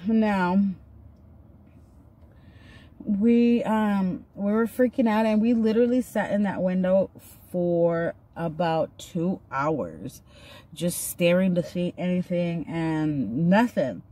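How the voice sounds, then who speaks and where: A woman in her thirties speaks slowly in a fairly low, mellow voice. She's a vlogger recording on a phone held at arm's length in a parked car, telling a personal story in a chatty, earnest, filler-heavy way as she does her makeup.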